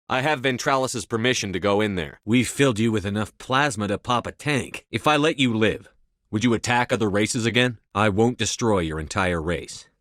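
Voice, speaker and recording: Game lead: hardened male military commander, lowish voice, clipped firm delivery, close dry sound. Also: fairly bright tone, no echo. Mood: forceful, resolute. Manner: terse, firm, authoritative. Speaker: video game lead voice actor. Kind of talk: scripted game dialogue.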